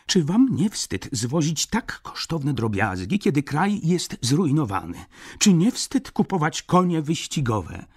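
A man doing an indignant shrill baroness. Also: wildly swooping pitch, measured pace, hardly any pauses, a little mellow, husky, full character voice. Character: bitter, agitated middle-aged baroness.

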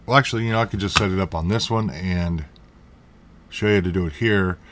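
A man's voice: deep voice, a little fast, noisy background. A man hosting a casual computer tutorial, rambling and correcting himself with jokey asides. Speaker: tech tutorial host. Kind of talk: casual screen-recorded tutorial.

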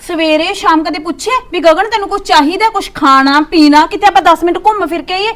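An actress playing a resentful, sharp-tongued young wife who nags and mutters bitterly, with a Malwa Punjabi accent, in a Punjabi short drama. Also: female voice, very high-pitched, brisk. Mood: scornful. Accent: Punjabi, Malwa region. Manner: nagging, bitter complaints, scornful asides muttered to herself.

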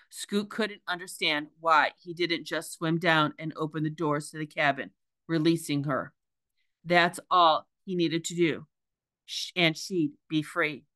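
A teacher reading a novel aloud to her class in a careful, deliberate way with small slips. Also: low voice, fairly bright tone, no room sound.

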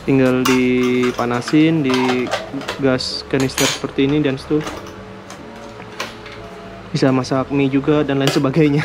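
A man casually unboxing and reviewing camping gear at a table indoors, talking in a relaxed, hesitant way with small laughs. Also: medium pitch, unhurried, long pauses, background noise. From Indonesia. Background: music.

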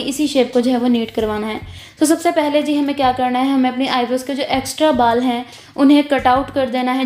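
A woman's voice: high-pitched, darkish tone, reverberant. A woman, giving a beauty tutorial voice-over in an instructive way, mixing in English words. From Pakistan. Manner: instructive, repeats "jo hai", mixes English words. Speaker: beautician teaching eyebrow threading.

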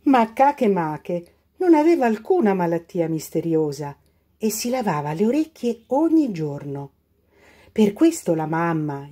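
A woman reading a children's fairy tale aloud as a storyteller, expressive and unhurried. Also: on the low side, slightly rough.

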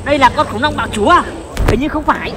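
A woman's voice: high voice, rapid-fire, very noisy. A woman playing with toy dinosaurs, chatting playfully and bossing the toy around. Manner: sulky then excited, playfully bossy toward a toy dinosaur. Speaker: young toy-show presenter. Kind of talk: playful toy play chat.

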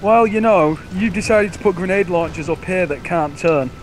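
A man with a slightly raised pitch barking dry orders as the gunner in an online match. A faint background noise sits under his voice. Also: normal speed. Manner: dry, bossy callouts. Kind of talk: casual gaming chatter.

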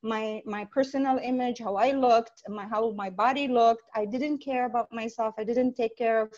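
A woman from Saudi Arabia, in her thirties, speaking earnestly as a podcast guest over a video call from a small home room, with many pauses and "uh"s. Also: fairly high pitch, steady tone, a little mellow. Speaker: podcast guest, life coach. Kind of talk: casual interview on a video call. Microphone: earbud headset mic on a video call. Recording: dull lo-fi call audio.

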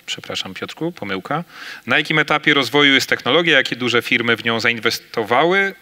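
A man's voice: medium pitch, expressive, fairly quick, pushed and bright. A man moderating a staged debate on a large conference stage, announcing rounds and handing the floor to speakers with a handheld mic.

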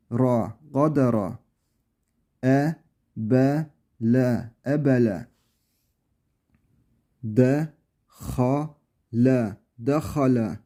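A male teacher leads a patient drill, pronouncing each syllable on its own before joining them into a word. His voice is deep-toned and mellow, and he moves at a very unhurried pace. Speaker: Quran reading teacher. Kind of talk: slow spelling drill lesson.

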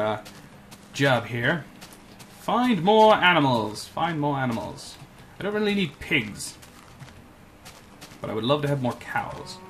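With slight background noise behind him, a gameplay commentator speaks in a mid-range, somewhat bright voice. It's a casual let's-play, with him muttering to himself and coaxing in-game animals.

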